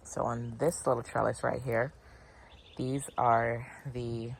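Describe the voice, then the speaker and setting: Chatty gravelly-voiced garden vlogger. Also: mid-range voice, slow, a little hiss or hum. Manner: chatty, excitable, talks to viewers as y'all. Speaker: gardening channel host. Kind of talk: casual gardening vlog. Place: outdoor backyard garden.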